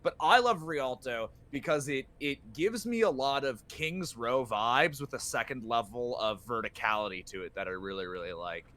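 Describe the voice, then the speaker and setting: A man who coaches esports, chatting on a live podcast, animated and casually swearing, trailing off quietly at times. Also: mid-range voice, normal speed, few pauses.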